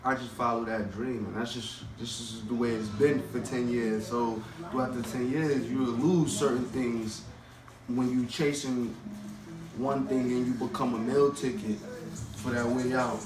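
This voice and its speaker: Heard over music in poor, reverberant audio far from the mic, a man with a mid-range voice talks a little slowly and steadily. He's a rapper from Queens with a New York accent, a guest in a casual interview, drifting loosely through laid-back street slang.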